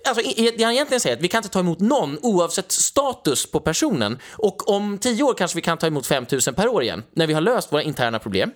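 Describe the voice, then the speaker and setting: A man's voice: high voice, big pitch swings, few pauses. Guy ranting sarcastic about politics, voice jumps all over the place. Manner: ranting, sarcastic, mocking impressions. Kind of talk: casual political chat.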